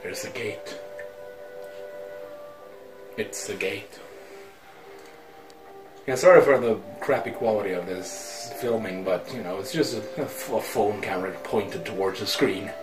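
A man's voice: on the low side, unhurried, long pauses, roomy sound, over music, rough recording. A man hosting a casual game reaction, talking hesitantly with lots of fillers, recorded on a phone camera in a room at home. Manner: hesitant, full of fillers, laughing. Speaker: host. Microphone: phone camera held by a friend.

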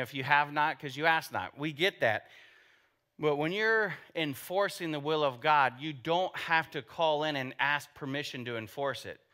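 A man preaching a sermon with a bright, forceful voice pitched a little higher than most men. He talks to the congregation conversationally, asking rhetorical questions and dropping in joking asides. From United States. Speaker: pastor.

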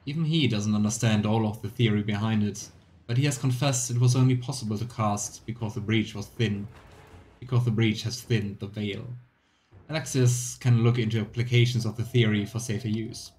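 A thirties man streams a let's play from a small room at home, musing in short remarks and reading game text aloud. His voice sits on the low side with a steady, darkish tone at normal speed. The low-quality recording has clear background noise and game ambience.

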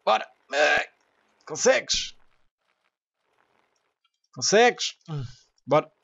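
A young man with a European Portuguese accent, commentating a game excitedly, laughing and swearing often. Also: fairly high pitch, drawn-out words, gravelly, husky, dull audio. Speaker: gaming YouTuber. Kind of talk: let's play commentary.

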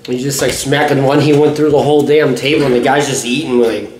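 A man's voice: mid-range voice, steady tone, brisk, noisy background. A man bantering casually with a group. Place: wood-paneled room indoors, around a table. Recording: echoey room with group chatter behind.

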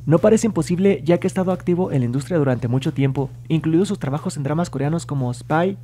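A man narrating scripted entertainment news in a mellow, warm tone that sits a little high in pitch. His delivery is even and read aloud, like a voice-over script. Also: quick pace. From Spanish-speaking.

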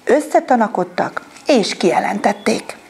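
A woman with a fairly high voice reads a children's story aloud with lively expression. She changes her voice for each character as she tells the tale. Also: breathy edge. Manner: animated, switching voices for the characters. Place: kindergarten room.

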